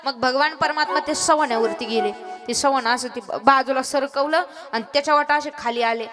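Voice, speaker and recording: A woman telling a lively, playful devotional story sermon. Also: high voice, brisk. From Maharashtra. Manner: lively, playful, laughing at her own jokes. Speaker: kirtankar, storyteller. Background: music.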